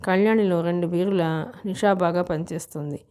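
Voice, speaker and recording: Storybook voice: curt, sharp young woman, low mellow tone read by a woman. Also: steady tone, moderate pace, smooth, natural voice. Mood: angry. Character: angry young woman standing her ground.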